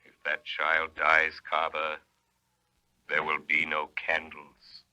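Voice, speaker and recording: A man's voice: very deep voice, completely flat delivery, slow pace, bright, forceful tone, heavily acted. A man acting a grave, commanding invisible avenger in an old radio drama, with solemn, theatrical pronouncements of judgment. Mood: stern, accusing.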